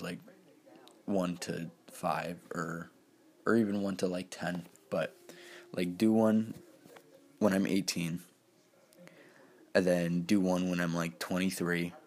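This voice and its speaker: 18 yr old dude rambling solo, deep flat voice, lots of likes and ums. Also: male voice. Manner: rambling, many fillers and restarts. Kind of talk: casual solo talk.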